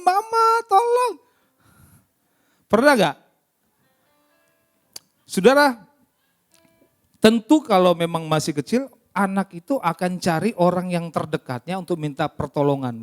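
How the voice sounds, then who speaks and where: A male pastor preaching a lively, interactive sermon, often putting questions to the congregation. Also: high voice. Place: church service.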